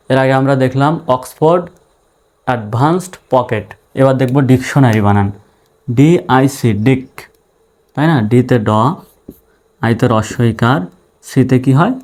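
Male teacher, average pitch; patient, repetitive letter-by-letter explaining. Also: a little mellow. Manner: patient, spells letters out one by one and repeats. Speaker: English teacher. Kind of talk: spoken spelling and pronunciation lesson.

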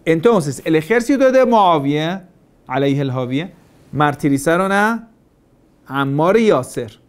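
A man's voice: on the high side, lively intonation, unhurried. A male cleric gives a religious lecture, stressing his points with repeated phrases and rhetorical questions. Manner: asks many rhetorical questions. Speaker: Shia cleric.

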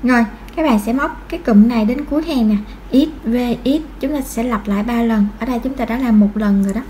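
A high-pitched woman talks through a crochet tutorial. She is patient and counts each stitch aloud. A faint hiss sits behind her voice. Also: a little fast, mellow. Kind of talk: step-by-step crochet instruction.

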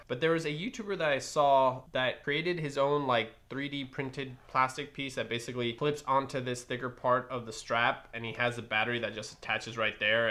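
Young man, bright forceful voice, mid-range pitch, chatty candid review, seated indoors at a desk. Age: young adult. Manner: chatty and candid, with small laughs. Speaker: video creator reviewing a drone. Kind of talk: casual unboxing review. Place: indoor room with a desk and framed photos on the wall.

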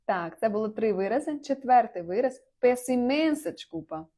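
A woman in her thirties teaching a language in a casual video lesson, chatty and laughing often, her pitch jumping up on example words. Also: lively intonation, a little fast, warm tone. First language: Ukrainian.

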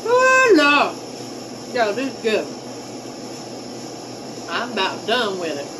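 A woman's voice: a little high, wildly swooping pitch, takes it slowly. A woman vlogger chatting casually to her viewers during an eating show, talking with her mouth full. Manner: folksy, talks straight to viewers. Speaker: mukbang vlogger. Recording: far from mic, noisy outdoor background.

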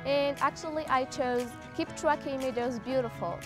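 Composed female student from Algeria, high voice, lawn interview. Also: normal speed, over music. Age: teens. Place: outdoors on a campus lawn.

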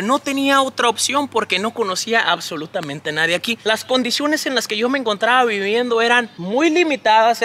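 A man's voice: high voice, slight background noise. A young man telling a dramatic personal story in casual chat to his followers. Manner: animated, dramatic retelling.

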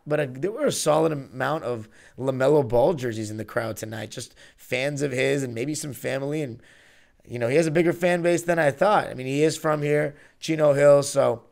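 A man's voice: on the high side, vocal fry, darkish tone. A young man in his twenties hosting a solo basketball podcast, breaking down a game like a fan, often correcting himself mid-sentence. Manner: rambling, self-correcting, fan enthusiasm. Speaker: podcast host. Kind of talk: solo postgame basketball analysis. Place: small room before a virtual arena backdrop. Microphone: studio mic on a stand in front of him.

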